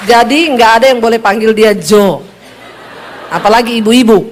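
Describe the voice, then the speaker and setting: A woman pastor with a Sulawesi accent, preaching a humorous sermon in a lively, joking way before a congregation in church. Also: fairly high pitch, moderate pace, slight background noise.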